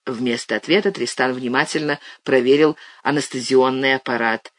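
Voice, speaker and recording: A man narrating an audiobook with expressive, animated storytelling. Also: mid-range voice, moderate pace, no echo. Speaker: audiobook reader. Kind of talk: scripted narration.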